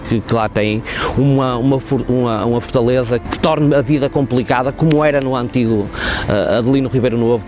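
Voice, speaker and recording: Portuguese guy in an interview, halting, repeats words, average pitch, music behind him. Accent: European Portuguese. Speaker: interviewed football fan. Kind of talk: spontaneous interview talk.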